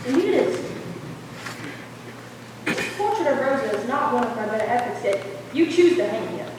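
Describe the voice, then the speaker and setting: A brash, affectionate young gentleman, played by a woman, speaks in a high, lively stage voice. The delivery is breezy and declamatory, heard from far off in a theatre hall. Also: moderate pace, noisy background, lightly acted. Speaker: actor in a stage musical. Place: school theatre stage, audience recording.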